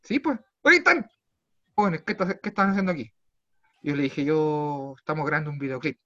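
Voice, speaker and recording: A young Chilean man with a Chilean accent telling a comedic story casually, swearing freely and swinging between low mutters and loud exclaims. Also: a little fast. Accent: Chilean Spanish. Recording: slightly dull lo-fi sound.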